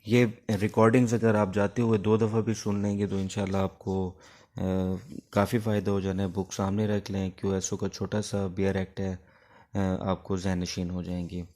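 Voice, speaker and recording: Speaking in a low, level, mellow voice, this Pakistani-accented man gives an informal law class to help students prep for exams. He peppers in English legal vocabulary and explains in a halting manner, with pauses between phrases.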